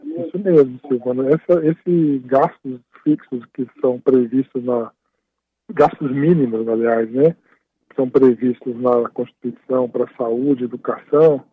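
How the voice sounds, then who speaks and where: A man speaking by phone as a radio interview guest, explaining at a steady pace and often tagging his phrases with a questioning "right?". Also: mid-range voice, measured pace, husky, no room sound. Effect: heard over a phone line. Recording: tinny dry phone line.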